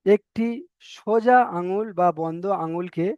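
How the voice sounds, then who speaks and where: A man teaching the Arabic alphabet in a patient, slow lesson, with a Bengali accent, stretching out each letter sound as he demonstrates it. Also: high voice, smooth, no echo, lo-fi sound. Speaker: Quran reading teacher.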